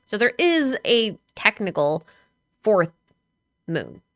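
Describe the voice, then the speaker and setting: A woman's voice: mid-range voice, very animated, slow pace, fairly bright tone, dry recording. A woman streamer in casual chat, talking speculatively with many filler words.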